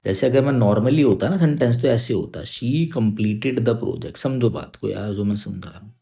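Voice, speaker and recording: Gravelly, warm-voiced male grammar teacher. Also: on the low side. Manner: repeats "समझो बात को" and "ठीक है", reads example sentences slowly. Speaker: English teacher. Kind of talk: exam-prep grammar lesson. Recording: online class video.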